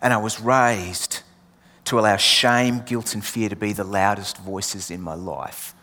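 Speaking a little slowly in a lowish voice, this pastor keeps his intonation fairly even while sounding pushed and bright. He was born in England, has an Australian accent, and repeats emphatic refrains in his sermon, sometimes falling to a near whisper, with long hall reverb around him.

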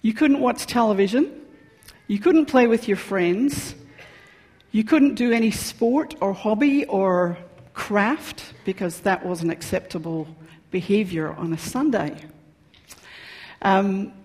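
A woman's voice: mid-range voice, slow pace, a little mellow. A woman from Scotland with a Scottish accent, preaching a sermon in a chatty, personal manner with frequent ums. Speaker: pastor. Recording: long reverb of a large hall.

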